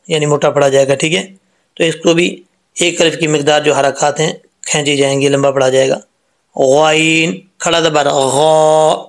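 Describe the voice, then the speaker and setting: A man teaching Quran letter reading with a Pakistani Urdu accent, drilling syllables slowly and then explaining pronunciation calmly. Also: fairly high pitch. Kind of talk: slow letter-by-letter recitation lesson.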